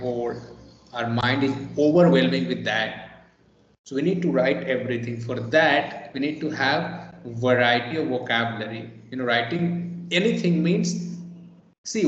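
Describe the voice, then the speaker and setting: Guy tutoring on a video call, patient, says words over slowly, echoey dull audio, long room tail. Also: mid-range voice, a little hiss or hum. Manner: patient, explains slowly and repeats words to model pronunciation. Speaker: English teacher. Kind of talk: online one-on-one tutoring.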